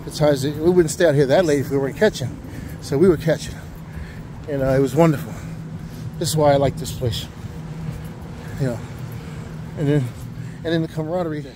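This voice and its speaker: A man's voice: fairly high pitch, brisk. Chatty middle-aged man on a walking tour. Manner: chatty, greets passers-by. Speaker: vlogger giving a walking tour. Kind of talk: casual walking-tour narration. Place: outdoors on a windy waterfront causeway park. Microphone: handheld camera while walking. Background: faint wind and outdoor ambience.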